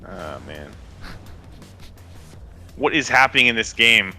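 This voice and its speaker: A man with a low, bright voice chats casually on a gaming podcast. He rambles in a relaxed way and laughs often. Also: takes it slowly, soft background music. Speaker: podcast co-host.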